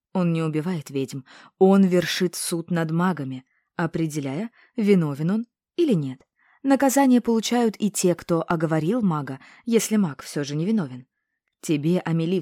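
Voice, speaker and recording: A woman reading a novel aloud, voicing a fierce, bossy witch who talks in a sharp, commanding way. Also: on the low side, dry recording, clean studio sound, lightly acted.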